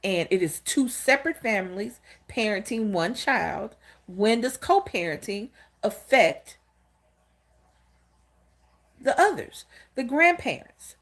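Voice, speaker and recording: A woman in her fifties hosting a casual livestream, speaking candidly and telling stories straight to her viewers. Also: on the high side. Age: 50s. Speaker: channel host. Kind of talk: casual livestream talk greeting chat viewers.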